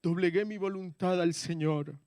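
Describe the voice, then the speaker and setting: A man giving a testimony in a church sermon, moving between quiet, hushed prayer and loud, impassioned pleas. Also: high voice, normal speed, clean tone, dry recording, clean studio sound.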